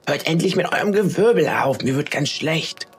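A man voicing a defiant young snowflake in a storybook tale, shouting and sulky. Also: fairly low pitch, big pitch swings, normal speed, gravelly, a little hiss or hum.

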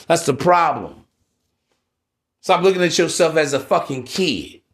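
A man's voice: a little high, expressive, a little slow, a bit bright. A man in his thirties hosting a podcast, talking casually and giving blunt, profane lectures. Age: 30s. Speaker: podcast host.

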